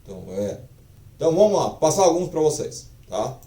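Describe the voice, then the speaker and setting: A man's voice: on the high side, sing-song, brisk, dark tone, echoey room, distant mic. A man teaching a casual online language lesson, chatty and profane, full of fillers.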